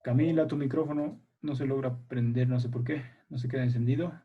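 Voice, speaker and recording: A man's voice: mid-range voice, fairly even intonation, a little fast, breathy edge, lo-fi sound. A man teaching a primary school language class over a video call, patiently quizzing his pupils and encouraging them. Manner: patient, encouraging, checks in often with "a ver" and "¿ya?".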